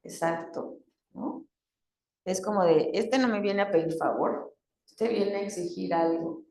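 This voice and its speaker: A woman's voice: medium pitch, unhurried, vocal fry, warm tone. A woman giving an interactive talk to a group. She asks them questions and acts out different tones of voice as examples. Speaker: workshop speaker. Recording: echoey room.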